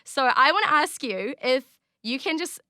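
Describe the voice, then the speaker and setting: A woman's voice: high voice, expressive, normal speed, bright, forceful tone, no room sound, studio quality. A woman with a New Zealand accent hosting a radio interview, bubbly and playful, giggling often. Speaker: radio host. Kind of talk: casual interview chat.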